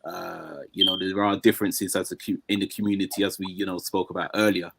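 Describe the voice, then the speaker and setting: A man's voice: low-pitched, level tone, fairly quick, vocal fry, heavy background noise. A man speaking as a guest in a casual conversation, with many fillers and restarts.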